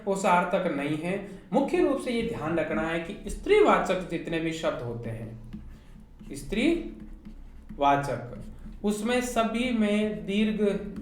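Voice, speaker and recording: A woman teacher with a Hindi accent giving an online class lecture, explaining step by step and asking her students rhetorical questions. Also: lowish voice. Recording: very echoey room with faint noise.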